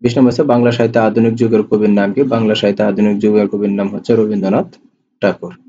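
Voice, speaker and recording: This tutor races through exam questions very fast, reading each and repeating the answer in a flat, mellow, fairly low voice. He has a Bangladeshi Bengali accent, and the dull lo-fi audio has faint hiss.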